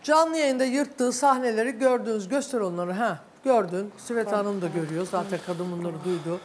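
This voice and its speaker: A woman's voice: medium pitch, brisk, a little hiss or hum. A woman hosting a live daytime talk show, commenting on and coaching her guests. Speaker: host.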